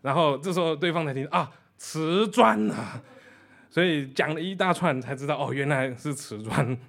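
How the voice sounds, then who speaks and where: A man's voice: on the high side, a little fast, fairly bright tone. A man preaching conversationally, repeating key phrases and weaving in jokes.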